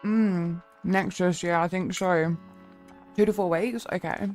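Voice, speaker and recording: A woman's voice: fairly low pitch, fairly even intonation, measured pace, a little mellow, faint music behind. A young woman streamer chatting casually with her viewers, rambling and swearing freely.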